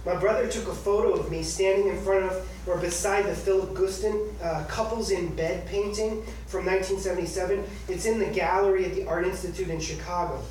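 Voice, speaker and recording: A man in his thirties with a high-sitting, darkish voice reads a little fast, with few pauses and fairly even intonation. He's an author giving a live reading of his own personal essay from his memoir, in a conversational, wry way, at an indoor book launch with an audience. The recording is echoey and distant, with faint noise.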